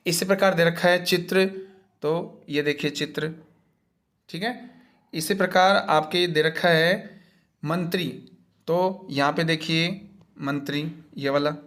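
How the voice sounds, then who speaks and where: A man's voice: on the high side, steady tone, slow, pauses often, a bit bright. A man teaching as he walks through a worksheet's answers, explaining each one patiently and step by step in a repetitive way.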